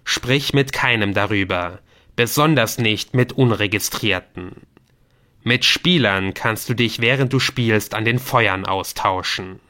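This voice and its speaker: A man voicing a mysterious computer game that speaks in slow, loud, solemn pronouncements. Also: fairly low pitch.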